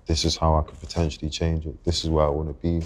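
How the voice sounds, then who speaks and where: A man in his twenties with a London accent, a guest on a podcast interview, talking reflectively and haltingly and often restarting his thoughts. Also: extremely low pitch, completely flat delivery, slight background noise. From England. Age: 20s. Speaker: guest rapper.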